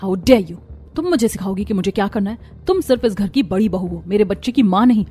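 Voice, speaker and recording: एक महिला एक कार्टून कहानी में एक घमंडी, लापरवाह युवा माँ की आवाज़ दे रही है, तीखे और टालने वाले अंदाज़ में।. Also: female voice, medium pitch, expressive, brisk, husky. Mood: haughty. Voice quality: sharp, dismissive. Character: arrogant young modern wife, careless mother. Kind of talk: Hindi cartoon voice acting. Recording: light music behind voice.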